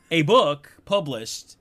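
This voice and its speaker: A woman's voice: low voice, sing-song, very slow, fairly bright tone. A young woman co-hosting a casual podcast, chiming in with wisecracks and sarcastic asides. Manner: wisecracking interjections. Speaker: podcast co-host. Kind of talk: casual chat.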